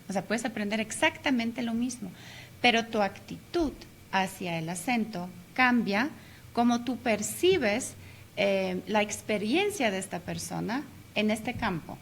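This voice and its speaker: A woman's voice: medium pitch, fairly bright tone, slight background noise. Hesitant woman explaining on radio. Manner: explanatory, many hesitation fillers. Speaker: interview guest, language teacher. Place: radio studio.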